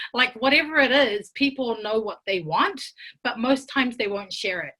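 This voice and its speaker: A woman's voice: on the high side, sharp tone. A woman in her thirties, from Tonga, giving an earnest, emotional talk from home over a video call, with many fillers and restarts. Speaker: business speaker. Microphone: computer mic on a video call.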